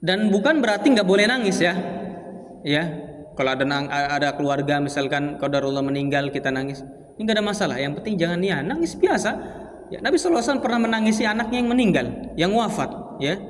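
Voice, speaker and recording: A man with a high voice gives a relaxed religious lesson, asking his listeners questions and answering them himself. He reads short Arabic phrases and explains them plainly. His voice carries a long reverb from a large mosque hall. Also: fast talker, slight background noise. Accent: Indonesian, Palembang. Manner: asks the audience rhetorical questions and answers them; explains Arabic text phrase by phrase in casual Indonesian. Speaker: ustadz teaching a mosque study circle. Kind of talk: Islamic study lecture.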